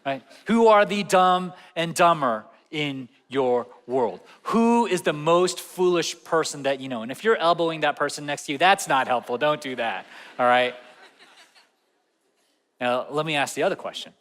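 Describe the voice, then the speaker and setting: A young man preaching to a large congregation in a bright, fairly high voice. His delivery is conversational, full of questions to the audience, and it rings out with a long hall echo. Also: animated, moderate pace. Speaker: pastor. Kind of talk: sermon. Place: large church auditorium. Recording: echoey church hall.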